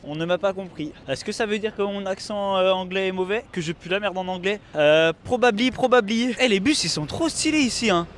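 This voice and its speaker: A young man in his late teens, filming a casual travel vlog on a phone while walking around a city, joking and excitable. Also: sits high, a little fast, hardly any pauses, slight background noise. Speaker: student vlogger. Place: on the move, outdoors in a city, on a coach and in a museum. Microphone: phone held while filming.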